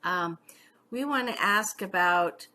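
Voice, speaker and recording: This paramedic instructor is a middle-aged woman who runs her class conversationally, tossing in "okay?" checks and stories from her own life. She speaks slowly in a mid-range voice that sounds pushed and bright, with slight background noise.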